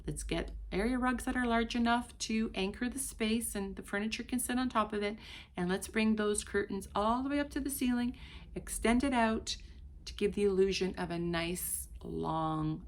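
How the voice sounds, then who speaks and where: With a mid-range voice and a slightly slow delivery, a Portuguese-speaking woman offers her audience easygoing tips from home. Her vlog style is conversational, speaking right to the people watching.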